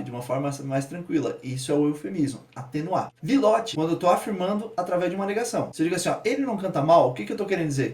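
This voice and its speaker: A man's voice: a little high, a little mellow, echoey room, distant mic. A man with a Brazilian accent teaching a grammar lesson, explaining terms and asking rhetorical questions. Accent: Brazilian Portuguese.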